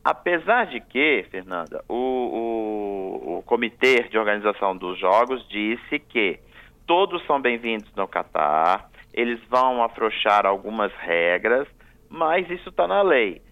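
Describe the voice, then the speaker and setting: A man's voice: fairly low pitch, sing-song, a little slow. A man, a guest on a radio talk show, giving firm, repetitive explanations of travel rules. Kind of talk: radio interview. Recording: tinny phone line on radio.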